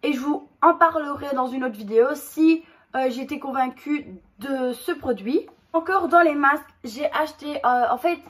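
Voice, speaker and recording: A woman's voice: sits high, moderate pace. A woman doing a casual product haul vlog, reading packaging aloud and talking hesitantly with many fillers. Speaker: haul vlogger.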